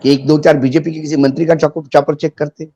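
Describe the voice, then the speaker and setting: Mellow-voiced sarcastic male commentator. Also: fairly high pitch, level tone, fairly quick, no echo, muffled recording. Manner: biting, sarcastic, tells jokes and anecdotes. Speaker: political commentator guest. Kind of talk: sarcastic political discussion.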